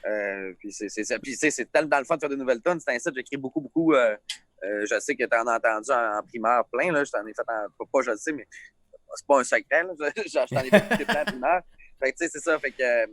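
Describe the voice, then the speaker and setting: Casual singer, male, strong Lac-Saint-Jean Quebec accent, loose and chatty, average pitch, close and dry. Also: fast talker, dry recording. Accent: Lac-Saint-Jean Quebec French. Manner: relaxed, rambling storyteller. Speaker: singer, interview guest. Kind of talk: casual chat. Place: outdoors.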